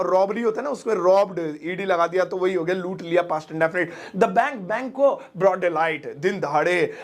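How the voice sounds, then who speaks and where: A man teaching English idioms in a casual, playful Hindi lesson, joking and acting out examples, repeating each English phrase slowly. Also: sits high, vocal fry. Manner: playful, jokey, acts out example sentences.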